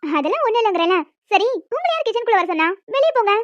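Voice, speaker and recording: A woman voicing a shy but feisty young newlywed wife in an animated short, scolding and pleading with her husband. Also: very high voice, very fast, no echo, muffled recording. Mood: flustered scolding. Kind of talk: cartoon voice acting.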